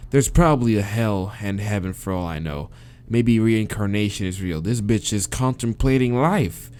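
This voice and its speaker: The let's-play host's voice is lowish and a little mellow as he narrates a visual novel in a crude, casual manner, now and then stumbling. Game music runs in the background.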